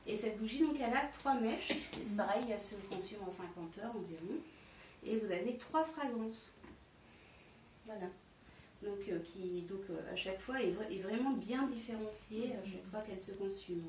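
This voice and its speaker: A woman's voice: medium pitch, animated, normal speed, a little mellow. A woman selling candles to guests at a home party, explaining each product step by step with frequent hesitations. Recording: echoey room, distant mic, faint noise.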